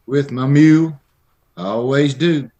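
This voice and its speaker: This man's mid-range, dark-toned voice moves a little slowly and sounds natural, though the audio is dull. He's acting as a timid, peculiar drifter in a radio Western from the old days. His lines come out hesitant and plain, with a folksy, drawling feel.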